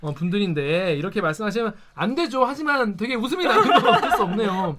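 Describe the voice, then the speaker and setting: A woman's voice: mid-range voice, expressive, quick pace, a bit bright, a little hiss or hum. A woman hosting a casual panel chat, teasing and mock-indignant. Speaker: host.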